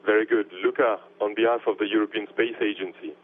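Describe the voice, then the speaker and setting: A man's voice: on the low side, fairly even intonation, fast talker. A man who is a space agency official, giving a formal, ceremonial address over a space radio link. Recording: tinny radio line with faint hum.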